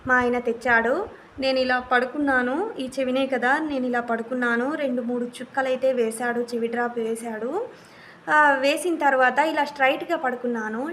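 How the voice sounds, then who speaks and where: A woman's voice: sits high, a little hiss or hum. A woman vlogger telling a personal story straight to her viewers in a casual, earnest way, often repeating her phrases.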